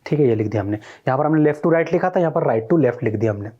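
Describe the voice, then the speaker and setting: Man teaching math online, step by step, keeps asking questions, mellow voice, muffled lo-fi sound. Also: mid-range voice, expressive, fast. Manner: explains step by step, quizzing students. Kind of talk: recorded online lesson.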